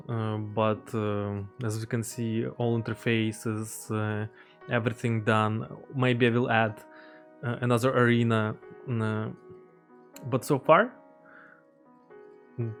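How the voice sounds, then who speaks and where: Speaking English as a second language, a man presents his own indie game in an easygoing devlog narration. His pitch sits in the middle, and the delivery is halting, broken up by fillers and false starts.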